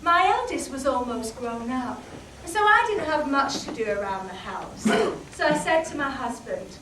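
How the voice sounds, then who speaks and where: A British woman playing a chatty, candid middle-aged housewife in a solo comic monologue, swinging from hushed asides to loud outbursts. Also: sits high, very animated, moderate pace. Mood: wry. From Britain. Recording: roomy, distant mic, faint background noise.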